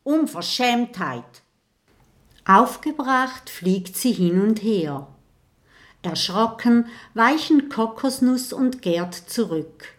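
Slow, calm woman storybook narrator. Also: on the high side. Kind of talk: children's audiobook narration.

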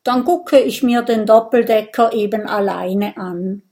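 A sniffly, bossy little porcupine girl from a storybook, as a woman reader puts her on. She sounds pitched up and insistent, nudging her sleepy friends along. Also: takes it slowly, darkish tone. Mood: pushy, teasing. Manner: pushy, sniffly, teasing. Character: snippy porcupine girl with a cold.

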